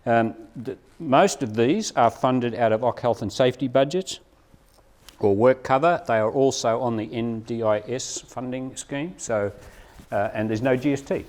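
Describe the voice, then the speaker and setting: A man's voice: mid-range voice, normal speed, a little mellow. Chatty man demonstrating gear. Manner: chatty, keeps checking in with "right?". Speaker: presenter at a teacher training session. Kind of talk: live demonstration talk. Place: meeting room with a live audience. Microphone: lapel mic, later a room camera mic from afar. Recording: distant room mic at times.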